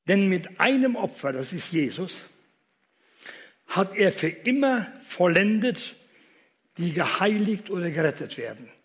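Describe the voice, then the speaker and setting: A man preaching a sermon from the front of a church, his voice sitting fairly high. He alternates between loud, emphatic declarations and hushed, intimate prayer. The recording carries a long reverb from the church space. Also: big pitch swings, unhurried. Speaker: pastor.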